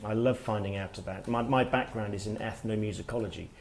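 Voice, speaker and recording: A middle-aged man, an author giving a workshop talk, speaking in a reflective, halting way as he thinks aloud. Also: on the low side, fairly even intonation, vocal fry. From Wales. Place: workshop room with listeners.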